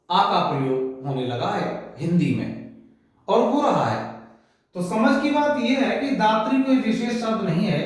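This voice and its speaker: A male Hindi teacher who explains a grammar lesson step by step, asking questions and then answering them himself. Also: sits high. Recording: very echoey room, mic far off.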